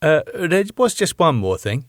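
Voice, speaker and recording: Read by a man, this eager young British band manager comes across persuasive and earnest, speaking a little slowly with a lively, bouncing pitch. The recording is dry and close with no room sound.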